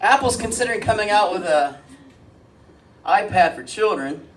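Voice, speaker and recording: A man with a high voice delivers a stand-up set in a flat, deadpan way, landing crude one-liners. The sound is a live club recording, caught a little far from the mic with a faint hiss under it. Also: moderate pace. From Springfield, US. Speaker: stand-up comedian. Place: comedy club stage. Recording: live club mic heard from a distance, light noise.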